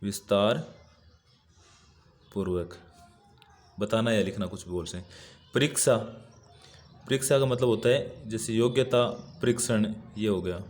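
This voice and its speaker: A man's voice: fairly low pitch, measured pace, pauses often, a little mellow. Patient male teacher repeating words. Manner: patient, repeats each word while writing it. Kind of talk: workbook answer lesson.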